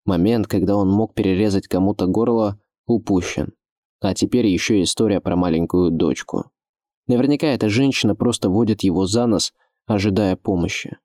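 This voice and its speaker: A man narrating an audiobook in a measured, expressive literary reading. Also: fairly low pitch, no room sound, studio quality.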